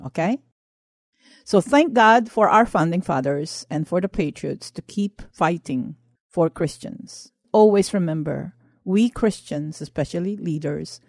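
A woman's voice: on the low side, warm tone, no room sound, studio quality. Earnest Filipino woman giving testimony. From Philippines. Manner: earnest, impassioned. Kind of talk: personal testimony and exhortation.

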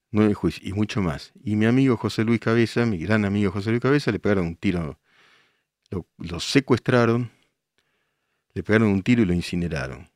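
A man's voice: fairly low pitch, a little mellow, no echo, clean studio sound. An older man with an Argentine accent hosting a radio show, reading listener messages and answering them with emphatic rhetorical questions. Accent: Argentine Spanish. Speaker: radio host.

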